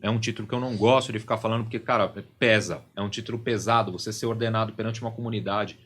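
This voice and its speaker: Low-voiced middle-aged man explaining. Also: fairly even intonation, very fast, a bit bright, slightly rough. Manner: explanatory, constantly tags phrases with "né?" and "entende?". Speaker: podcast guest, religious leader. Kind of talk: casual podcast conversation. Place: podcast studio.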